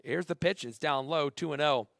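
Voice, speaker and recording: A man calling a baseball game live, chatting between pitches and rising to excited shouts on big plays. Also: moderate pace, vocal fry, no echo, clean studio sound. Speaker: play-by-play announcer. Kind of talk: live baseball play-by-play commentary.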